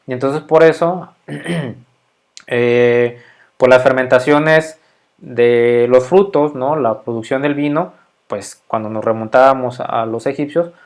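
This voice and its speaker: A man's voice: mid-range voice, a little mellow. A middle-aged Mexican man with a Mexican Spanish accent, giving a casual microbiology lecture full of fillers and frequent check-ins with his students.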